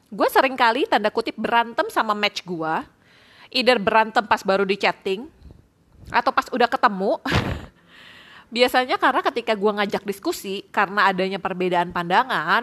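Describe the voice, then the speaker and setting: A woman's voice: fairly high pitch, a bit bright. A young woman tells a dating story on her podcast in a loose, slangy way. She laughs easily and mixes English phrases into her talk. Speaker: podcast host. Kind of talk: casual storytelling chat.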